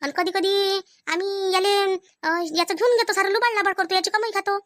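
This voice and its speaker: Fast, very high, bright Vidarbha Marathi woman for a comic family quarrel, argumentative banter. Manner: quick, argumentative village banter. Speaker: comedy sketch performer. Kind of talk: scripted family comedy sketch.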